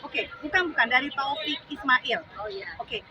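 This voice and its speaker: A middle-aged woman giving an impassioned, earnest speech at an outdoor gathering, halting now and then with fillers. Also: sits high, lively intonation. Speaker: speaker at a supporters' gathering. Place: outdoors at a large public venue. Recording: distant muffled outdoor recording. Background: outdoor noise and passing vehicles.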